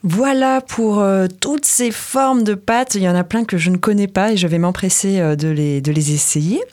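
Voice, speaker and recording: A woman's voice: medium pitch, normal speed, darkish tone. A woman co-hosting a podcast, reacting with interest and steering the chat along.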